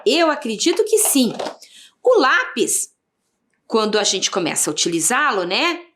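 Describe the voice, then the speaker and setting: With big pitch swings and a fairly bright tone, this Brazilian woman teaches young children a reading lesson on video. She's a primary school teacher with a Brazilian Portuguese accent who speaks unhurriedly in a voice on the high side, drawing out syllables and posing sing-song questions.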